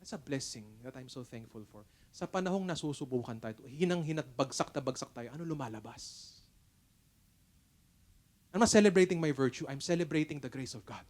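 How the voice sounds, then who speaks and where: A man's voice: medium pitch, lively intonation, moderate pace. A middle-aged man with a Filipino accent preaching a sermon at a church service, telling stories in an earnest, conversational way. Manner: mixes English and Tagalog, storytelling, earnest. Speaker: pastor.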